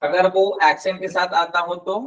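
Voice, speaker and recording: A man's voice: high voice, flat delivery, fairly bright tone. Patient male tutor, a bit off-mic. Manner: patient, repeats words slowly and quizzes students. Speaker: Spanish tutor. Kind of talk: live class teaching with explanations. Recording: voice somewhat distant from the mic.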